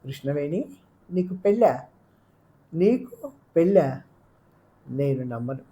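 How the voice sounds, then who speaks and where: A woman's voice: low voice, lively intonation, takes it slowly, dark tone, muffled recording. A woman reading the part of a bewildered, anxious young man, pressing with urgent questions in an audiobook. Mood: distressed pleading. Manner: pleading, rising urgent questions.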